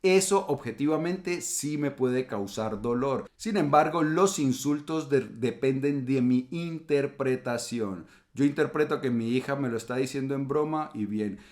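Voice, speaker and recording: Male host, middle-aged, calm and explanatory, mid pitch, reflective channel talk. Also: a little slow, hardly any pauses. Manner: calm explanatory, acts out quoted insults.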